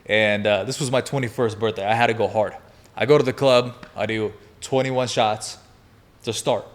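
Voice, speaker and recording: A man's voice: on the low side, normal speed. Young man telling a wild story. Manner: energetic, profane, laughing through the story. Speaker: podcast guest. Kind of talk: animated storytelling in casual chat.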